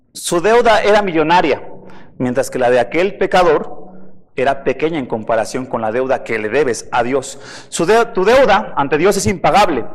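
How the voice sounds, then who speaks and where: A man's voice: fairly high pitch, in a large hall. A man preaching a sermon as pastor, emphatic, asking the listeners rhetorical questions. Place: church.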